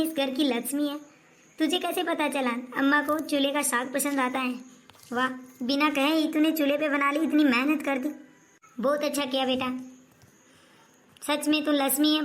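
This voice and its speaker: A woman with a high voice plays a doting mother-in-law in a homemade family skit. She praises and coaxes in a motherly way. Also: fairly bright tone. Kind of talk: scripted family skit acting.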